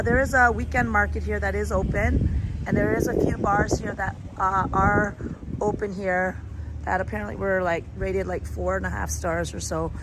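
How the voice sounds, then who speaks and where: Street and traffic noise fill the background as a woman with a medium-pitched, sore-throat rasp walks a town street at night, live-streaming on her phone. The travel vlogger rambles chattily and says hello to her viewers.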